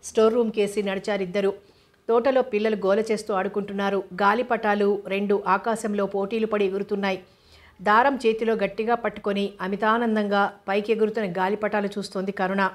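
Woman reading a story in a flat tone. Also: medium pitch, fairly quick.

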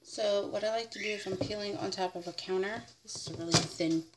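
Talking briskly at a medium pitch with fairly even intonation, a young American home cook and vlogger walks through a casual cooking demonstration step by step, chatty and informal. The fixed counter camera picks up a very noisy kitchen full of clatter and background voices.

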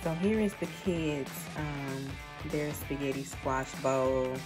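A young woman with a low voice chats casually into a handheld phone camera in her home kitchen. She is playful and pokes fun at herself as she goes. Upbeat pop music plays clearly under her voice. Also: slow pace. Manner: chatty, playful, self-mocking. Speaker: vlogger and mother. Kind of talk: casual cooking vlog chat. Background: background pop music.

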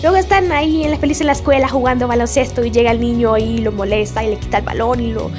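A young woman with a high, bright-sounding voice walks through a game's story in a chatty, playful way. She is expressive and talks like a friend. Faint music sits underneath. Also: quick pace. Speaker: gaming video creator. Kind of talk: casual game story recap. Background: faint background music.

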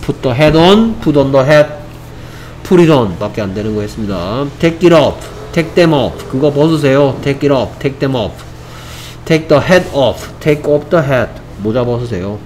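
A man's voice: mid-range voice, lively intonation, slow pace, a little mellow, slight background noise. A man teaching an English vocabulary lesson. He explains step by step, repeats each phrase, and mixes English examples into his explanations, speaking English with a Korean accent.

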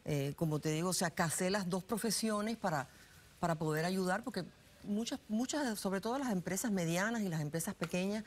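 A woman's voice: mid-range voice, brisk. A Cuban-born woman in her sixties telling her life story as a guest in a TV studio interview, chatty and full of fillers and restarts, on a lapel mic. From Cuba. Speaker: guest, political analyst.

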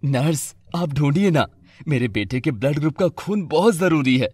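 A man's voice: on the high side, animated, moderate pace, darkish tone, breathy edge, no room sound, clean studio sound. A man doing a desperate rich father. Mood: pleading. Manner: pleading, then grateful.

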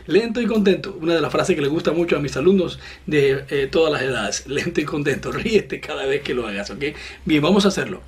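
A man giving an online guitar lesson, patient and encouraging, explaining each step slowly and talking straight to the student. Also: a little high, animated, husky. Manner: slow, step-by-step instruction. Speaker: guitar teacher. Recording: loud guitar playing behind the voice.

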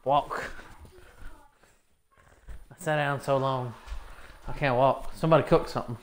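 A man chatting loudly and jokily with a friend while streaming a game. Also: mid-range voice, measured pace. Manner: loud, excitable, joking. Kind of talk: casual gaming chat. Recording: noisy home stream audio.

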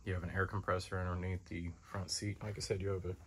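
A man giving a relaxed, conversational walkaround of a car in a large indoor showroom, speaking from behind the camera. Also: low-pitched, fast talker, slight background noise. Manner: relaxed, conversational, lots of fillers. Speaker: car dealer. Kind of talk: casual walkaround sales tour.

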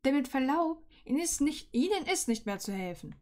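A woman reading aloud and voicing a sharp-tongued, defiant young female student. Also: big pitch swings, brisk. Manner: indignant, raised high.

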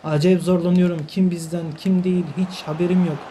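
A man's voice: sits high, flat delivery, fairly quick, dark tone, slight background noise. Frustrated young man narrating a football game. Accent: Turkish. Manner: exasperated, talks to players on screen, swears by God, repeats himself. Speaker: gaming channel host. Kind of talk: live gameplay commentary.

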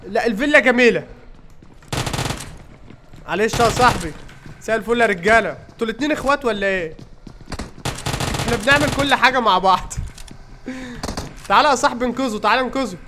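A man with an Egyptian accent giving excited, teasing commentary while playing a game with friends. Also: extremely high pitch, fast talker, long pauses, noisy background. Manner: teasing, excitable, taunts opponents. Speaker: gaming streamer. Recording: gameplay audio with gunfire behind.

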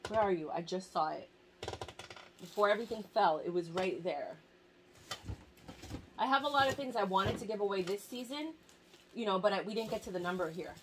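A fashion vlogger in her forties chats casually to a desk-distance camera while hosting a giveaway, rambling and gushing about the items even though she's in pain. Her medium-pitched voice is animated and moves at a normal speed with long pauses, and there's a lot of background noise. She's indoors in a small room packed with bags and boxes.

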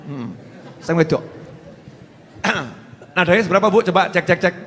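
A man's voice: sits high, moderate pace, fairly bright tone. A man with a Javanese accent preaching a humorous sermon to a live congregation, teasing and coaxing the audience. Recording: long hall reverb.

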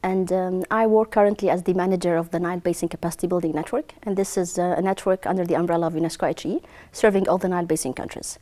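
A woman from Egypt in her forties, answering interview questions in a measured way with many pauses. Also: fairly low pitch, fairly even intonation, warm tone. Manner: measured, with frequent hesitations. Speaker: interviewee, network manager. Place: indoor room.

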